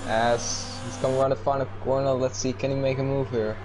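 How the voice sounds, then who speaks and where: Medium-pitched man co-commentating over noise. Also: little pitch movement, fairly quick. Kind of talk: casual live race commentary. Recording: noisy mic with car engine rumble.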